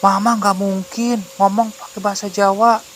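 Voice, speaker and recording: A man's voice: sits high, flat delivery, normal speed, fairly bright tone, a little hiss or hum, voice pushed up. A man voicing a frightened young boy with a small, pleading childlike voice.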